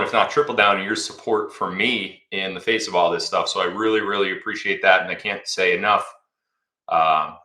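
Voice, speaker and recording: A man in his thirties hosts a casual livestream Q&A, reading viewer comments aloud as he rambles and chats, often repeating words. His voice is lowish, bright and forceful, with a reverberant sound.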